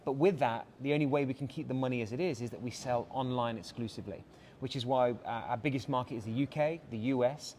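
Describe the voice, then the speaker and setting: Speaking fast with hardly any pauses, this brand director from England has a mid-range, darkish voice. He gives a keen, slick walkthrough of a product at a crowded watch showroom event, often filling gaps with "uh," against a faint hiss or hum.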